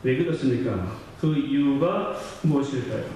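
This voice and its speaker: A male pastor preaching a sermon with impassioned fervor, his voice swelling into near-chanted shouts. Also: medium pitch, lively intonation, moderate pace, a little hiss or hum. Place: church sanctuary. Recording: very echoey church hall, mic far off.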